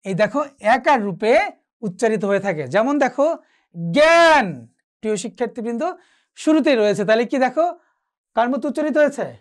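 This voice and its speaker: A teacher giving an exam-prep lecture on pronunciation rules, asking questions and answering them himself, repeating key points. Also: male voice, very high voice, quick pace, a little mellow. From Bangladesh. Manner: asks and answers own questions, repeats for emphasis.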